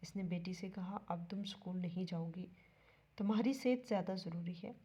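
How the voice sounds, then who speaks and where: A woman's voice: lowish voice, husky. A woman reading an emotional moral story aloud as narrator, speaking the lines of its characters too. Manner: steady emotional storytelling with quoted dialogue. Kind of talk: scripted narration.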